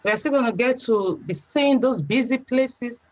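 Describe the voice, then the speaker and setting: A young adult woman with a Nigerian accent, a guest telling her story in a chatty, relaxed way, often saying "you know". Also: on the high side, moderate pace. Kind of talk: casual interview. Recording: slightly dull lo-fi sound.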